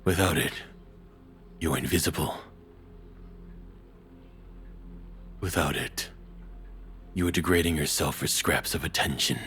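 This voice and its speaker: A voice actor plays a cruel, controlling ex-boyfriend in an intimate audio roleplay, slowly taunting and belittling in a breathy, husky voice that slips toward whispers. His voice rumbles low with a slightly bright edge, over soft background music.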